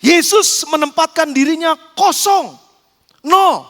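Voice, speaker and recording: A male pastor delivers a sermon with an unusually high voice, spinning a lively story and turning often to the congregation. His voice rings through a church hall with long reverb. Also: slow.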